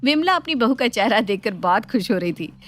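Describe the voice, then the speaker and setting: A woman narrating a cartoon story in an even, storytelling way. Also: a little high, fairly quick.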